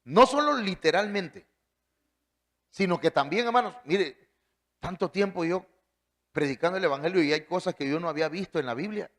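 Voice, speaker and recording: Preacher, male, emphatic, fairly high voice, swings his pitch widely. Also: lively intonation, moderate pace, long pauses, a bit bright. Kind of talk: sermon.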